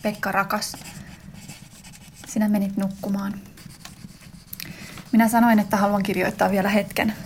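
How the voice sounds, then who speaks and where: A woman's voice: medium pitch, pauses often, slight background noise, close to an everyday voice. A woman voicing a wistful wife reading a letter to her husband in a radio drama monologue, intimate and reflective. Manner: intimate, reflective, growing more heightened and excited.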